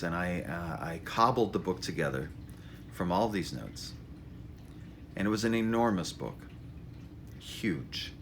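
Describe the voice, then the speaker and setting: With slight background noise behind him, a middle-aged author introduces his memoir in a fairly low-pitched, fairly bright voice. He tells his story casually as a spoken monologue, halting and restarting, with a wry, self-mocking humor.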